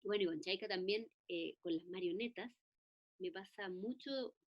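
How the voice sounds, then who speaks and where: A woman's voice: mid-range voice, normal speed. Puppeteer woman talking voice craft, springy delivery, dull lo-fi audio. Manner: animated, demonstrates voices mid-talk. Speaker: puppeteer and actress. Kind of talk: talk on voice acting.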